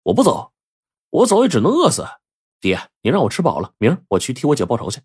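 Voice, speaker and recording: A man's voice: medium pitch, huge pitch swings, fast, a little mellow, husky, pitched above the performer's own voice, full character voice. Man doing a blunt, cool-headed young son. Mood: stubborn. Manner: cool, blunt, matter-of-fact. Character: young male layabout son, blunt and secretly clever.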